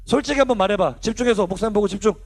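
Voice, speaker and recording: A young man, a youth pastor, preaching a lively sermon to teenagers in a church hall, asking them questions and acting out quotes. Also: sits high, very fast, creaky. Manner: animated, asks the kids questions and acts out quotes.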